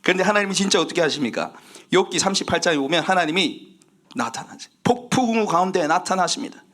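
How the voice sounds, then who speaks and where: A male pastor preaching a sermon in an animated storytelling manner. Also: high-pitched, quick pace. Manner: animated storytelling, acting out voices.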